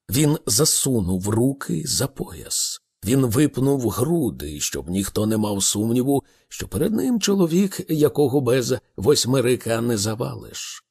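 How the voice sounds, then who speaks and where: A man narrating an audiobook in an expressive, unhurried storytelling manner. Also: medium pitch, creaky, breathy edge.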